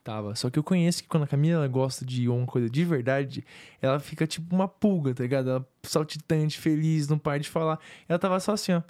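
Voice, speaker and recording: A young man with a Brazilian Portuguese accent recounting a story in a casual couple vlog, relaxed and full of fillers. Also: on the high side, fast. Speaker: preacher and vlogger.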